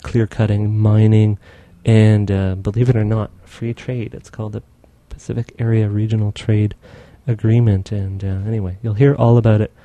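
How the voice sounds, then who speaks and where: A man hosting a radio interview, speaking haltingly with many fillers. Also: fairly low pitch, mellow, dry recording. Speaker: radio show host.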